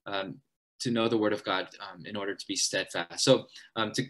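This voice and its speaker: A young adult man leading a church seminar for college students. He talks in a hurried, earnest way, with many fillers and restarts. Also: fairly low pitch, fairly even intonation, a bit bright. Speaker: college ministry leader at a church.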